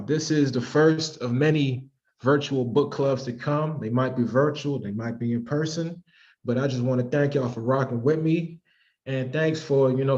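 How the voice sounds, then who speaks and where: Speaking over an online video call, this thirtysomething author from Washington, D.C. runs a virtual book club with a conversational, reflective presentation. He has a mid-range, slightly mellow American voice. The call sound comes through a bit dull and lo-fi.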